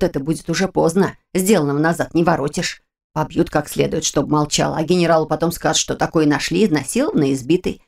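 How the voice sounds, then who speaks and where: A woman doing a hoarse old woman cook, low and hushed, folksy scolding, audiobook. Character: fussy elderly woman cook, caring and scolding.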